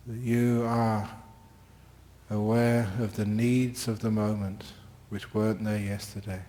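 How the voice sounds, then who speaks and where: A man teaching meditation, giving slow, gentle guided meditation instructions with long, unhurried pauses. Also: fairly low pitch.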